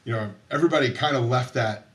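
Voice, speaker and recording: A man's voice: mid-range voice, quick pace, fairly bright tone. A man co-hosting a sports podcast, a sports writer chatting casually and restarting his sentences often. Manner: hesitant, many restarts.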